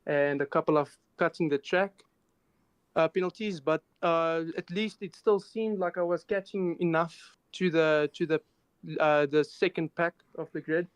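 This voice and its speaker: In this post-race interview, the South African sim racer describes his race in a plain, factual way, frequently restarting words. He speaks on the high side at a moderate pace with a clean tone, recorded dry.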